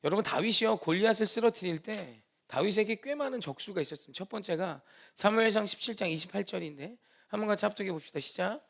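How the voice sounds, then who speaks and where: A man's voice: high-pitched, lively intonation, fast talker, creaky, a bit bright. A male pastor preaching a Sunday sermon with dramatic emphasis, sometimes acting out the people in the story. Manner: preaching with dramatic emphasis, acts out quoted speech.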